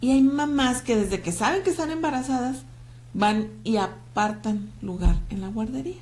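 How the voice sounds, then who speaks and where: A woman with a Mexican Spanish accent hosting a talk show, animated and joking, greeting viewers by name. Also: on the high side, normal speed. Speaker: host. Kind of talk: lively talk show chat.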